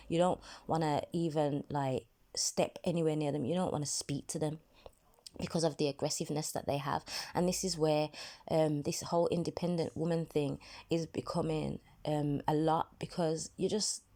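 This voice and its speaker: Lady chatting about faith, lots of you know's, darkish warm voice. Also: low-pitched. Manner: conversational, many fillers, soft-spoken advice. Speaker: ministry video host. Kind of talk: casual spoken devotional talk.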